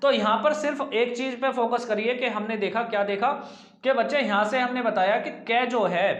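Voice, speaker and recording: In an echoey little coaching room with a board, a man teaches Hindi grammar at the whiteboard for an exam class. His voice is extremely high and fairly bright, and he moves at a moderate pace. He keeps repeating questions to the class, answers them himself, and drags out his sounds.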